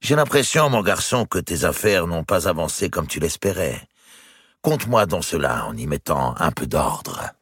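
A man's voice: deep voice, big pitch swings, normal speed, fairly bright tone, husky, dry recording, voice pushed up, heavily acted. A man voicing a wry older banker uncle, dry and cynically amused, in a storybook reading.

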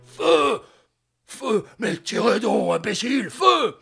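A furious villain barking orders. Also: male voice, fairly high pitch, sing-song, very slow, gravelly, loud music behind the voice, exaggerated voice. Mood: commanding. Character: furious male villain commanding henchmen. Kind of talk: radio play acting.

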